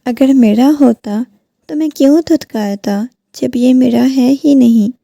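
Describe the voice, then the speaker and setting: A woman voicing a cold young husband who speaks curtly and dismissively, in a creaky voice. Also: on the high side, warm tone, no room sound, clean studio sound. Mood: angry. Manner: curt, dismissive. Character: cold young husband denying his child.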